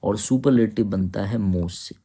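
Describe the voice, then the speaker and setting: Male tutor, low-pitched, gravelly, patient explainer who keeps checking students follow. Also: dark tone. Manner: reads English sentences slowly and deliberately. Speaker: English teacher. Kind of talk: exam-prep grammar lesson.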